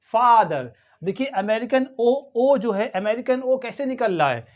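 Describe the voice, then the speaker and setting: A man with an Indian accent teaching English pronunciation in a video lesson, saying each word slowly and repeating it for practice. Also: extremely high pitch, a little mellow. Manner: slow, repeats words for drilling, mixes Hindi and English.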